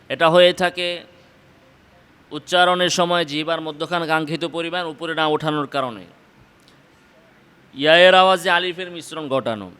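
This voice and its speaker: A man with a Bangladeshi Bengali accent teaching Quran pronunciation, explaining in quick bursts and then chanting the example words slowly and drawn out. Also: a little high, sharp tone, clean tone.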